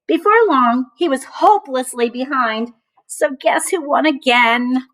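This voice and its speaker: In a high voice, a teacher reads a picture book aloud to children, expressive and emphatic, at a measured pace. She breaks off now and then to chat directly with her young listeners. The audio quality is poor.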